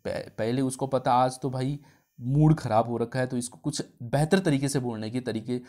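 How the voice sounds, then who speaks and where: A man's voice: medium pitch, normal speed, warm tone. Chatty male exam tutor. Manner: chatty, explains with homely examples and asides. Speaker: exam prep teacher. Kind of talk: casual spoken lesson.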